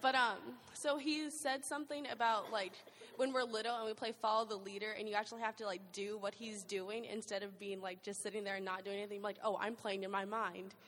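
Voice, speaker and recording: A teenage girl talks into a handheld mic at a youth church gathering, giggly and rambling, leaning on "like" between thoughts. Her voice sits at an ordinary pitch for a girl. A long reverb from the big hall trails behind her words. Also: fairly even intonation, a little fast, fairly bright tone. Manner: giggly, rambling, heavy use of "like". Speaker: youth group member sharing testimony. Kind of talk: casual spoken testimony.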